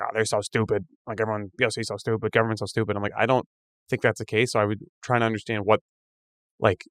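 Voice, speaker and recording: Man co-hosting a podcast, rapid, low-ish voice, from Canada, thinking out loud. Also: clear, resonant tone, no echo, clean studio sound. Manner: fast, animated, thinking aloud. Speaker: podcast co-host. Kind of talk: casual chat.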